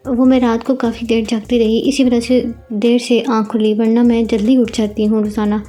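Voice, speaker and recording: Woman reading hurt proud young bride, bit high, mellow, pretty flat. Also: normal speed, natural voice. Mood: worried.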